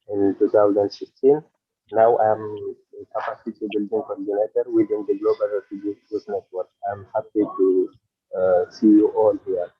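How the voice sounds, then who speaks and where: A man from the Central African Republic, a native French speaker, introducing himself carefully and haltingly. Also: on the low side, slightly rough, no echo, highs cut off. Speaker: capacity building coordinator.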